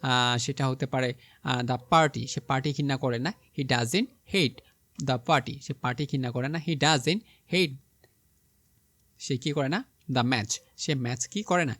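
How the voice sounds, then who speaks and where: A young man giving a spoken English lesson, slowly repeating example sentences and checking in with his students. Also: medium pitch, a bit bright, no echo. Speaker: English teacher.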